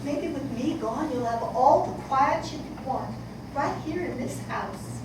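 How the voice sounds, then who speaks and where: Woman acting a desperate older mom in a stage play, high swooping voice, far off mic, echoey hall, noisy. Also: measured pace. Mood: pleading. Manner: pleading, emotional outbursts. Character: aging mother pleading with her grown daughter.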